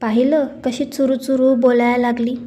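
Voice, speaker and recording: A woman's voice: on the high side, level tone, moderate pace, natural voice. A woman doing a taunting greedy village aunt. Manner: taunting, sharp-tongued. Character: scolding greedy middle-aged village aunt.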